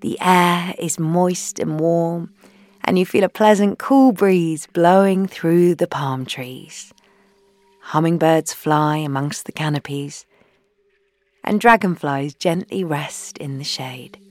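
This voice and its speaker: A woman, a founder who leads guided meditations, speaks soothingly and gently at an unhurried pace, leaving long pauses between phrases and letting them trail off breathily. Her voice is low and the recording is dry.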